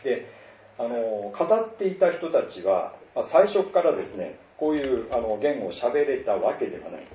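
A middle-aged man from northern Japan preaching a sermon in an easygoing, conversational way, pausing often with fillers. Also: mid-range voice, sing-song. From Tohoku, Japan. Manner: conversational, many fillers and pauses. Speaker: pastor. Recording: roomy, distant, dull lo-fi sound.

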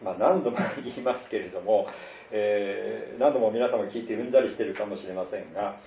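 A middle-aged man from northern Japan preaching a sermon in an easygoing, conversational way, pausing often with fillers. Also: on the low side, vocal fry, a little hiss or hum. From Tohoku, Japan. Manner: conversational, many fillers and pauses. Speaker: pastor. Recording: roomy, distant, dull lo-fi sound.

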